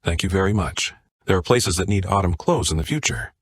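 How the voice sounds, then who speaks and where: A man's voice: sits low, a little fast, no echo. A man voicing a grateful old male martial sect master with formal, deferential speech.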